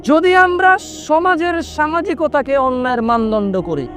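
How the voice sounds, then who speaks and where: A young man preaching a sermon in an animated way, slipping English words into his talk and lowering his voice when he quotes others. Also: measured pace, faint music behind. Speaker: Islamic preacher. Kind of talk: waz sermon.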